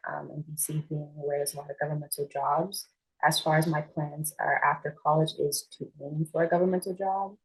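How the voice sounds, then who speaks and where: A young woman with a deep, husky voice talks on a student panel over a video call. Her delivery stays flat, casual and a little hesitant. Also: poor audio. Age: young adult. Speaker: incoming college student panelist. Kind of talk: panel answers.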